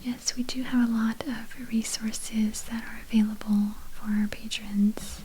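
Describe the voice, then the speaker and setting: A woman in a whispered role-play as a patient, helpful librarian, speaking in a soft, breathy library whisper with polite, unhurried manner. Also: fairly high pitch, level tone, a little hiss or hum. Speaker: ASMR performer playing a librarian.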